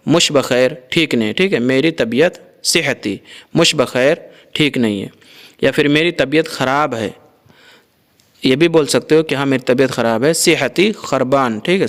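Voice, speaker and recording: A man teaching everyday phrases in a casual spoken lesson, saying each one slowly and repeating it before explaining. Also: medium pitch. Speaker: Arabic teacher.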